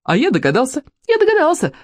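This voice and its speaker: A reader doing a yelling, excitable young boy. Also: high-pitched, fast, no echo, clean studio sound, voice pushed up. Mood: excited. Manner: loud and excited.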